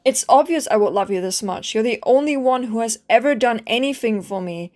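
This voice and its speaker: Woman acting a high-voiced, pleading kitten girl. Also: brisk, darkish tone, lightly acted. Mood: eager, self-abasing. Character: clingy, lovesick, self-abasing stray cat girl with yandere devotion. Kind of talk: scripted ASMR role-play addressed to the listener.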